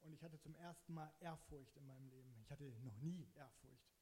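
A man's voice: on the high side, fairly even intonation, a little fast, dark tone. A man from eastern Saxony telling his own conversion story in plain, slangy, conversational speech. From eastern Saxony, Germany. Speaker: guest sharing a conversion testimony. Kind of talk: candid personal storytelling.

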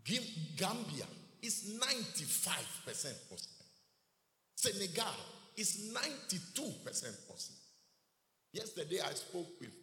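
A man's voice: fairly high pitch, pushed and bright. A man preaching a sermon, emphatic, with rhetorical questions and repeated key words. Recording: echoey hall reverb.

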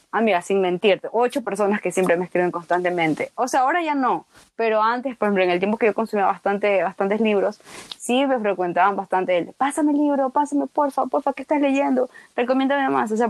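A woman's voice: medium pitch, poor audio. A young woman from Ecuador, hosting a casual podcast chat and acting out quoted voices with animation. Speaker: podcast host.

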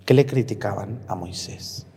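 A man's voice: fairly low pitch, moderate pace, vocal fry, dark tone, husky. A priest giving a homily at Mass. He tells the story and asks the congregation questions, with playful jokes. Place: church. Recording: long church reverb.

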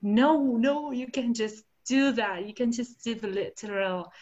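Her voice is a little high and a little mellow, heard through dull audio at a measured pace. This Spanish-speaking translator from Argentina talks informally about her research and translation work, often stumbling into fillers and restarts.

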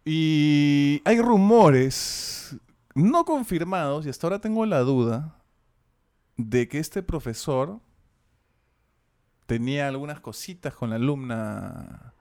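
A man tells school stories in a loose, casual chat. His voice sits fairly high for a man, and he laughs often and breaks into a shouted impression of an old teacher. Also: expressive, slow.

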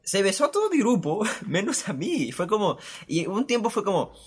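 Young man, Peruvian Spanish accent, casual storytelling, pitch leaping all over, crude slang. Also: normal speed, husky. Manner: animated, crude slang, jumps into quoted voices. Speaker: storyteller host.

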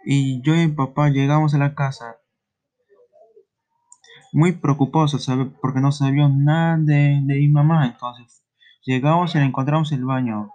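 A man retelling a story in the first person. He speaks haltingly, with restarts and frequent throat clearing. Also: mid-range voice, fairly even intonation, mellow.

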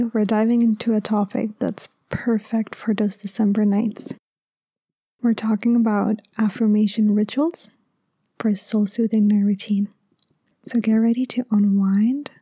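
Hushed, very mellow woman, sleep-story narrator style. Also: mid-range voice, dry recording. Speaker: podcast host. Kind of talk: soft-spoken, soothing scripted narration like a sleep story.

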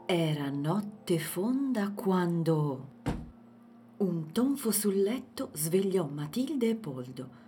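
A woman narrating a children's storybook in a gentle, expressive way. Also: fairly low pitch, slow pace, faint music behind.

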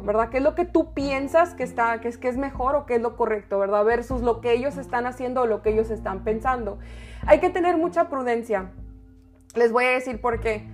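A woman giving relationship advice in a playful, chatty manner, often laughing and restarting her sentences. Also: a little high. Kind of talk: casual advice talk.

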